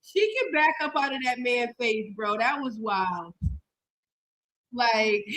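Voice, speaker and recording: A woman's voice: fairly high pitch, expressive, slow, fairly bright tone, rough recording. A woman hosting a live watch party, reacting in casual, outspoken, slangy talk. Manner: outspoken, slangy, indignant asides.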